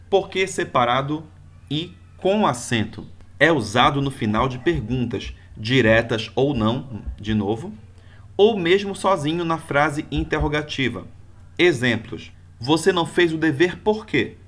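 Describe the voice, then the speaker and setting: A man's voice: mid-range voice, fairly bright tone. A male teacher explaining grammar rules step by step, using example sentences. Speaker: Portuguese teacher. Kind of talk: video grammar lesson.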